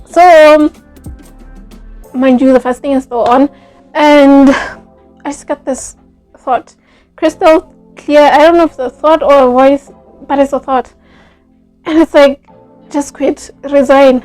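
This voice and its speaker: A young woman, telling a personal story in a casual, animated vlog, full of fillers like "like" and "yo". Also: high-pitched, unhurried, pauses often, soft background music. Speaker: vlogger.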